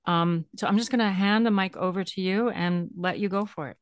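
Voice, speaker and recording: A woman's voice: medium pitch, a little fast, clean tone, dry recording. A Canadian-accented woman hosts a radio interview with a mid-range voice. Her questions come across as curious and conversational. Her voice sounds dry and close, with very little room sound. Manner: inquisitive, conversational. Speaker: radio show host.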